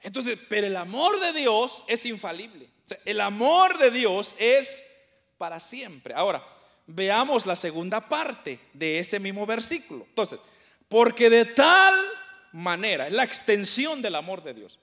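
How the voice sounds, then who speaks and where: High-voiced, bright, slow-preaching man. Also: sing-song. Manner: preaching, addressing listeners as brothers; slow, emphatic delivery with quick asides. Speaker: pastor. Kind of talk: sermon.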